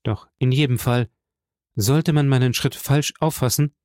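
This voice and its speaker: A man's voice: mid-range voice, a little slow, darkish tone, dry recording, clean studio sound, close to an everyday voice. A man voicing a proud young nobleman in an audiobook, speaking in a firm, declamatory way. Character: proud young nobleman defending his honor.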